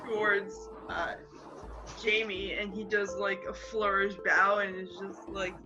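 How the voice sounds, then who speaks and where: A woman's voice: medium pitch, little pitch movement, measured pace, dull audio, over music. A woman narrating a tabletop game as game master, with rambling descriptions full of fillers.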